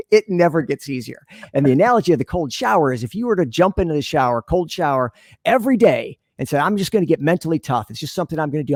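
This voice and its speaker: A sales leader and business consultant, appearing as a podcast guest, answers interview questions in an earnest, conversational way and often acts out imagined dialogue. His voice sits on the high side and is a little mellow. The recording is dry with clean studio sound.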